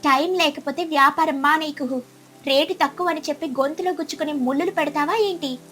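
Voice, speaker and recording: A woman voicing a stern crane in a cartoon, scolding loudly. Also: high-pitched, brisk, soft background music, voice pushed up. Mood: angry. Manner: loud, scolding.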